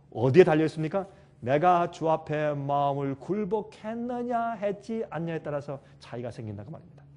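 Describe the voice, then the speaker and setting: A male preacher delivers a sermon in a high, very lively voice. He rises into loud, stressed calls, then drops into quiet asides. He keeps putting questions to his listeners.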